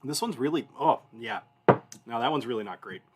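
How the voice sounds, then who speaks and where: A man in his thirties hosts a whiskey review livestream, sharing casual chat and anecdotes with viewers while rambling and often interrupting himself. His medium-pitched voice is slightly rough, with lively intonation and a fairly quick pace.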